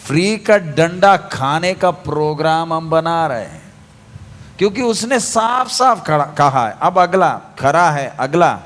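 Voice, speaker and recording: A man's voice: a little high, animated, slow, fairly bright tone. A male preacher delivering a sermon, firing questions at the congregation and repeating key phrases for emphasis. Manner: asks the congregation questions and waits for answers.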